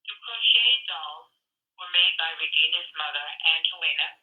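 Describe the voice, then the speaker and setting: A woman's voice: low voice, normal speed. An older woman heard over the phone, giving brief, matter-of-fact answers to an interview. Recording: muffled, distant phone line with echo.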